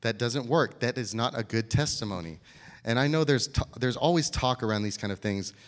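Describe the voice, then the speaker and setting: Pastor preaching in a reverberant hall. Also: male voice, medium pitch, brisk. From American South. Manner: plainspoken, explains scripture with everyday examples and questions. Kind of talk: sermon.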